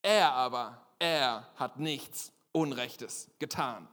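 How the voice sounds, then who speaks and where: A man reading out the words of a repentant condemned criminal in a sermon, slow and earnest. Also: mid-range voice, a bit bright, long reverb tail, pitched below the performer's own voice.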